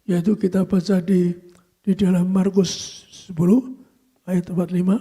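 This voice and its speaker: Older male pastor, high husky voice, dark and flat, repetitive sermon delivery. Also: normal speed. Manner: repetitive preaching, tags phrases with "so".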